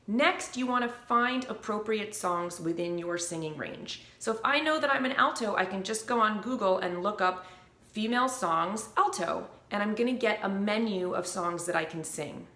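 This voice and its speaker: In this instructional video, a woman vocal coach walks through the fundamentals of singing at a medium pitch and normal speed. Her bright, ringing tone stays clear and cheerful, punctuated by quick sung notes that illustrate her points, and the space gives her voice a roomy echo.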